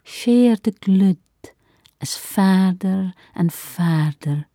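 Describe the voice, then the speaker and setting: A woman with a Shetland accent reciting poetry in dialect in a measured, deliberate way. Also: mid-range voice, expressive, dark tone, no echo, studio quality. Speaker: poetry reader.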